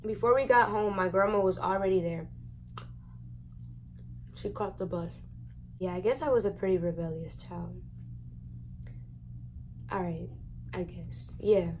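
A woman's voice: on the low side, measured pace, long pauses, a little mellow, a little hiss or hum, rough recording. A young adult woman vlogger telling a personal story in a casual, rambling way, full of fillers and swearing, at home. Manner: candid, rambling, swears freely, many fillers. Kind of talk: casual storytime while eating.

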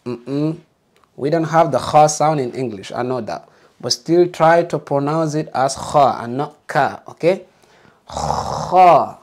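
A man's voice: a little high, measured pace, a little mellow. A man teaching a beginner alphabet lesson, patiently modeling letter sounds and encouraging learners to repeat.

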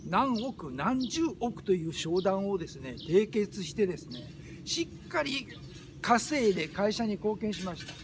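A man's voice: high-pitched, big pitch swings, measured pace, background noise. An older man, a YouTube host, giving an emphatic monologue, stressing and repeating his key phrases.

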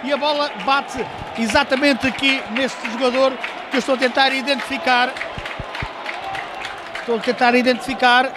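High-pitched man calling a futsal match. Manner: hesitant, self-correcting, thinking aloud. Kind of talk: live play-by-play sports commentary. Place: indoor sports hall during a match. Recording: noisy sports hall with bouncing balls. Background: gym noise, ball bounces.

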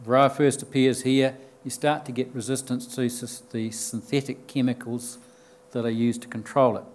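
A man's voice: mid-range voice, a little mellow. Older New Zealand man giving a talk. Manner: plain, explanatory, with frequent ums and restarts. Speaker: conference speaker. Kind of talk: conference talk. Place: lecture room with bookshelves and audience. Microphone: podium mic.

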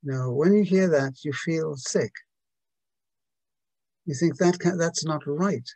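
Man, Buddhist talk speaker, gravelly voice, slightly high, hesitant restarts, rhetorical questions. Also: takes it slowly, darkish tone, no room sound, poor audio. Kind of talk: reflective talk to a group.

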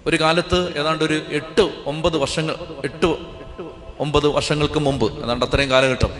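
A man's voice: a little high, steady tone, normal speed. A man preaching a fervent sermon as a priest, repeating phrases and leading the congregation in call-and-response. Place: church. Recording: long church hall reverb.

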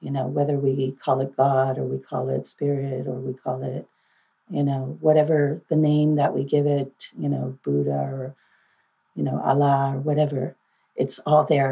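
Low, gravelly-voiced woman from Puerto Rico. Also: poor audio. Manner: reflective, soft-spoken, hesitant with many fillers. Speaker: psychologist guest. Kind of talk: podcast interview.

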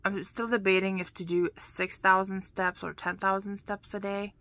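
A woman's voice: medium pitch, little pitch movement, normal speed, a bit bright, no room sound. A woman crochet vlogger chatting casually to her camera at home, rambling and sometimes dropping to a whisper. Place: home room, dim.

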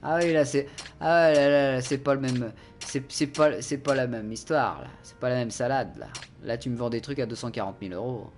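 A man's voice: mid-range voice, fairly quick, hardly any pauses, soft background music. A man doing let's-play commentary in a joking, sarcastic, rambling manner into a studio condenser mic. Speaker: gaming streamer.

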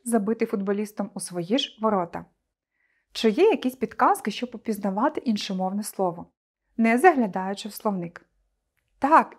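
Lady teacher doing an online lesson, talks clear and steady, mid-pitched voice. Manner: clear, deliberate explaining to pupils.

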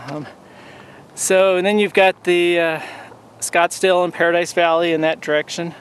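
A man in his forties vlogging outdoors on a desert mountain, talking in a relaxed, rambling way with many ums, to a camera held at arm's length. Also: high-pitched, normal speed, clean tone. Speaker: hiking vlogger. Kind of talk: casual outdoor vlog.

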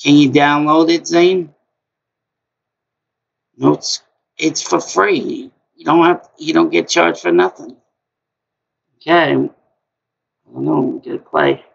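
There's vocal fry in this middle-aged man's high-pitched voice, and the audio is dull. He runs a live-stream trivia game from a small home room, speaking slowly, chattily and repetitively.

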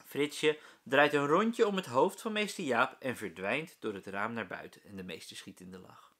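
A man, a primary school teacher, reading a children's book aloud with lively, expressive storytelling. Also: medium pitch, normal speed.

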